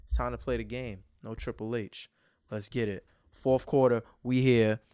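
A man's voice: mid-range voice, normal speed, clear, resonant tone, dry recording, studio quality. Profane New guy ranting. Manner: profane, animated storytelling with quoted reactions. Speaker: podcast host. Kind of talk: casual podcast rant.

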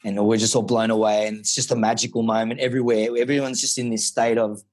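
Excitable Australian man, husky voice. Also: fairly low pitch, fast. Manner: excitable, swears, animated storytelling. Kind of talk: casual podcast conversation.

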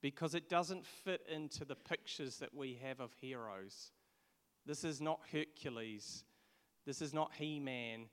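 A man from England delivering a sermon in an earnest, conversational way, often restarting his sentences. His voice sits at an ordinary pitch for a man. It carries a long reverb, as if recorded in a large church hall. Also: unhurried, clean tone. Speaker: preacher.

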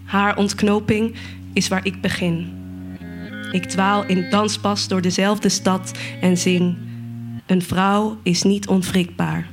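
Female poet, unhurried recitation over plucked guitar. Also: medium pitch, little pitch movement. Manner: slow, measured recitation. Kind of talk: spoken word poetry.

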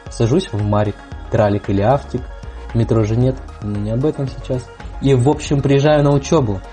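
A young man with a mellow, relaxed voice at an average pitch. He tells a wry, anecdotal weather report over light background music. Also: fairly quick. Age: young adult. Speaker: weather correspondent. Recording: music playing under the voice.

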